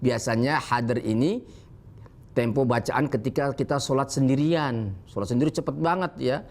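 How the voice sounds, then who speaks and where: A man with an Indonesian accent teaching Quran recitation on a televised lesson, explaining rules and stressing points emphatically. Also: medium pitch. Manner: alternates explanation with slow chanted Arabic recitation examples; emphatic, animated when correcting mistakes.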